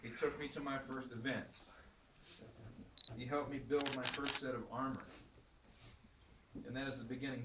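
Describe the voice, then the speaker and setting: A man giving a personal testimonial speech at a ceremony, addressing an assembly. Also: medium pitch. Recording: echoey, distant mic, noisy, clicks.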